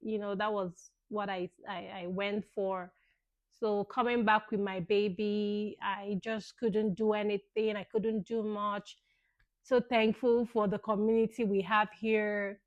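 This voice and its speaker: A woman's voice: mid-range voice, little pitch movement, a little slow, no echo, lo-fi sound. A young woman vlogger earnestly recounting a personal experience in a casual, thankful way, often saying "you know".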